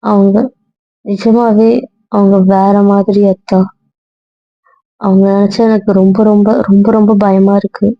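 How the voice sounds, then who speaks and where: A woman's voice: mid-range voice, flat delivery, unhurried, pauses often, no echo, lightly acted. Young woman as guilt-ridden, pleading wife, dry, muffled lo-fi audio-drama role-play. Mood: fearful. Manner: pleading, repeating apologies. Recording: dull lo-fi recording, dry.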